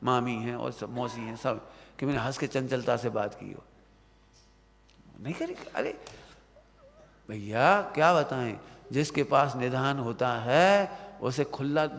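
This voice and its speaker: A man's voice: mid-range voice, slow pace, creaky, pauses often, a bit bright. A man giving a stern Hindi religious discourse to students, often checking whether they have understood. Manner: stern, admonishing, asks listeners if they understood. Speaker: Jain preacher. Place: hall of a Jain study centre, at night. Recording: long hall reverb.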